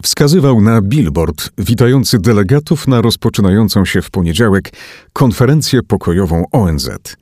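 A man reading a thriller audiobook aloud as narrator, in an expressive, dramatic manner. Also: fairly low pitch, moderate pace, no echo, clean studio sound. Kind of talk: scripted narration.

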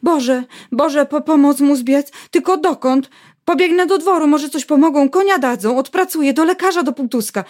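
A frantic young peasant wife in labour, her voice climbing high as she pleads for help, put on by a woman reading a storybook. The cries come quick and urgent, pitched well above a calm speaking voice. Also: lightly acted. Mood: panicked.

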